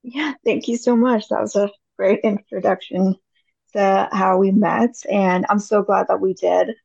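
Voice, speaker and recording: A woman's voice: medium pitch, steady tone, measured pace, vocal fry, darkish tone, husky, no echo. A woman in her thirties, a podcast guest, chatting casually and rambling with many fillers. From United States. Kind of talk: casual interview chat. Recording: dull lo-fi audio.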